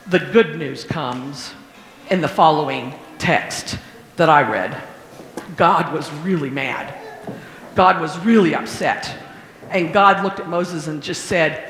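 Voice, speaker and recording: A man preaching a sermon as pastor, telling stories with animated swings from loud exclamations to hushed, near-whispered lines. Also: a little high. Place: church sanctuary. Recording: echoey hall with long reverb and faint background noise.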